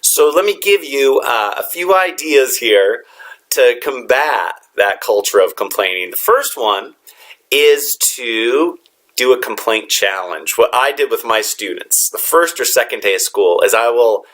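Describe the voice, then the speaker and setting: Addressing other educators, a male teacher delivers a motivational talk as earnest storytelling, acting out quoted dialogue with energy. His voice is mid-range and his pace measured.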